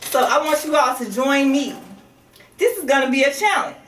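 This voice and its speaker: A middle-aged woman from Chicago, United States, hosts a radio show from a small studio, speaking to listeners casually and motivationally in a halting, deliberate way. Her voice sits high, very animated with a fairly bright tone. She uses a studio microphone on the desk, but the recording sounds roomy and distant, with faint background noise.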